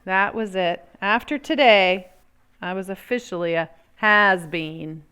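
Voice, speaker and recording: Drawing out her words and pausing for effect, a woman gives a theatrical, expressive reading of a children's picture book. Her voice sits in the mid range and has a clean tone.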